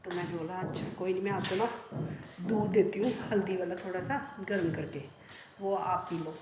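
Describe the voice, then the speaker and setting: A woman's voice: lowish voice, steady tone, normal speed. A middle-aged woman vlogging from home, telling a long rambling story straight to her viewers and repeating herself as she goes. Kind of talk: casual chatty storytelling to viewers. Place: home, indoors. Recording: echoey room with clear background noise.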